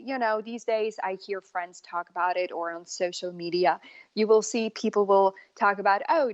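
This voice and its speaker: A woman in her forties, born in Bosnia and raised in Germany, speaking as an as a makeup artist guest on an interview podcast, unhurried and earnest. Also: mid-range voice, dry recording, highs cut off. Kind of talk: casual interview talk.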